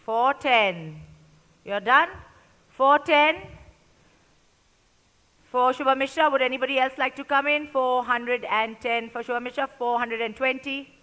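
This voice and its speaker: Female auctioneer, forceful and fairly high-pitched, calling bids in repeated short phrases, big reverberant hall. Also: measured pace, pauses often. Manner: repeats bids and prompts in short, clipped calls. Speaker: auctioneer at a sports player auction. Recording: echoey large hall with long reverb.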